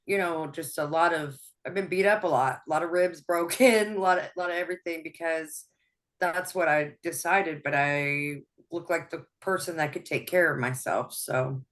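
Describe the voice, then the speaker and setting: A woman appears as a guest in a personal interview, speaking openly about her life. Her voice is low-pitched and soft-spoken at a moderate pace, and she laughs often and frequently restarts her sentences.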